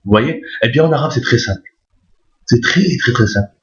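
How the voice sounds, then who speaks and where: A man's voice: medium pitch, lively intonation, moderate pace, a bit bright. Patient man teaching in a roomy echo. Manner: patient, repeats key points, often checks with "d'accord?". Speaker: Arabic reading teacher. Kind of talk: step-by-step lesson explaining letters on screen. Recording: roomy, dull lo-fi recording.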